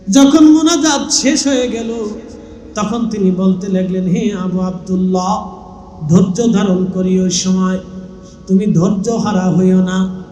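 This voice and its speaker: High, slow, wailing Bangladeshi preacher. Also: male voice. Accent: Bangladeshi Bengali. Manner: slow wailing chant rising to high shouts. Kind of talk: sung and chanted sermon. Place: outdoor religious gathering ground. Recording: echoey open-air sermon ground with long reverb.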